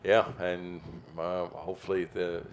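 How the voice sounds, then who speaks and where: A man's voice: deep voice, monotone, slight background noise. A middle-aged man hosting a live aviation event, talking in a casual, rambling way full of restarts. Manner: rambling, halting, many restarts. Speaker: event host, interviewer.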